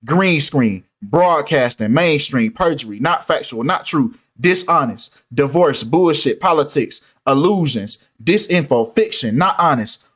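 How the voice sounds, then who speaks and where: A man talking in an animated, insistent way in a casual commentary video, often repeating "right?" and "come on, man". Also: on the high side, measured pace, hardly any pauses.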